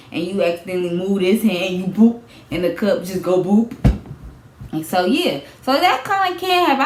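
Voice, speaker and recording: A young woman, telling a casual storytime vlog with lively, animated delivery and frequent laughs. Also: mid-range voice. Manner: animated storytelling, acts out quotes, laughs often. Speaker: vlogger. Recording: echoey room, faint background noise.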